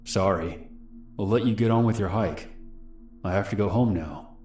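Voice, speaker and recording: A man reading the lines of a wary young girl, speaking quietly and guardedly. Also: fairly low pitch, normal speed, echoey room, slight background noise, natural voice. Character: wary young girl hiking with her dog.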